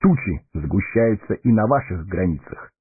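A man's voice: lowish voice, expressive, normal speed, slightly rough, no echo. A man voicing a noble, brave male warrior heir with a solemn, dignified manner. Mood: grave. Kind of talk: audiobook character voice. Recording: tinny narrow-band recording, faint music.

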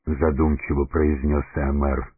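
A man narrating an audiobook fairy tale in a measured storytelling manner. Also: rumbling low, flat delivery, slightly rough, dry recording. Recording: tinny narrow-band recording, faint music.

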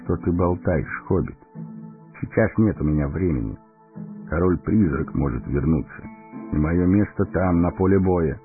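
Gandalf: a man doing a deep, stern old wizard. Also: lively intonation. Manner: stern, measured, authoritative. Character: stern old male wizard, grave and commanding. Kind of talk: audiobook character voice. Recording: narrow phone-like sound, faint music.

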